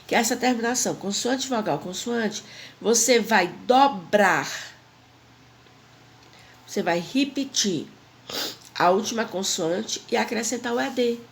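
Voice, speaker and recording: A woman, teaching an English grammar lesson slowly and repeating the rules while stressing the example words. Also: fairly high pitch, gravelly.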